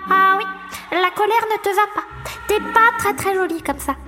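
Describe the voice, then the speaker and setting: A woman voicing a small, blunt, cheeky magic mirror in a children's story, speaking in a high, squeaky, teasing voice. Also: normal speed, music in the background.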